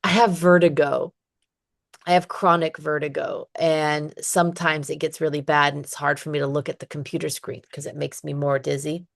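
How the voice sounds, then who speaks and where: A woman's voice: sits low, level tone, moderate pace, creaky. A woman teaching an online English lesson, chatty and encouraging, with frequent laughs; she is dizzy today. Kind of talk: one-on-one online lesson chat.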